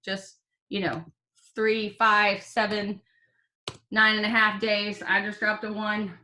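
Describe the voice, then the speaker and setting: Upbeat woman, bright tone, runs a team call while hiccuping, casual and joking. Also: medium pitch, little pitch movement, slow, slight background noise. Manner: upbeat and chatty, with fillers and jokes. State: has the hiccups. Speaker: team leader.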